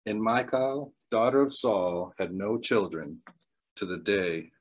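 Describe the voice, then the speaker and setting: A man preaching a sermon, telling stories with bursts of excitement, laughter and quieter asides. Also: fairly low pitch, slow, breathy edge, poor audio. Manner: animated storyteller, laughs often, jumps between loud excitement and quiet asides.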